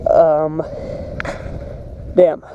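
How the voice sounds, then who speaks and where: Casual motovlog rider, voice inside a helmet, mid-range pitch, recorded outdoors over very loud engine noise. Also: little pitch movement, extremely slow, narrow, tinny audio. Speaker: vlogger. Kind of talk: casual motovlog commentary while riding. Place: outdoors, riding a mini bike on ice and roads.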